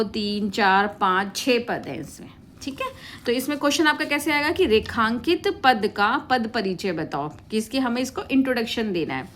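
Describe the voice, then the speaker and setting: A woman with a somewhat high voice teaches grammar in a patient classroom manner. She keeps asking questions and answering them herself, calling her students "beta" as she works through each example. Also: a bit bright. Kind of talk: classroom-style grammar lesson.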